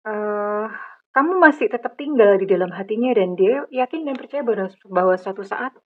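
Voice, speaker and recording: A middle-aged woman giving a general tarot reading, chatty and animated, with many fillers. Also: mid-range voice, moderate pace. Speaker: tarot reader. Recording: slightly dull lo-fi recording.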